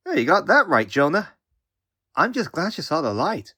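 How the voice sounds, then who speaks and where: A man's voice: on the high side, sing-song, normal speed, pushed and bright, slightly rough, full character voice. A man voicing a young wisecracking superhero in a comic book dub, earnest, sarcastic and easily riled. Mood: friendly. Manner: quippy, sarcastic, youthful.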